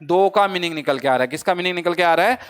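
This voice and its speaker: A man's voice: high voice, quick pace, clean tone. A man teaching exam grammar. He keeps putting questions to his students, answers them himself, and calls his listeners brother. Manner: asks the class a question, then answers it himself; lively, teasing, lightly humorous. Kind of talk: exam-prep grammar lesson.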